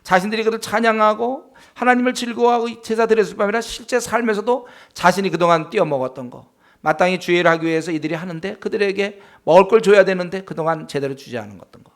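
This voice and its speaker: Male pastor, high-pitched, Bible study sermon, emphatic with rhetorical questions. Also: fast talker. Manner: emphatic, rhetorical questions, frequent affirming "yes".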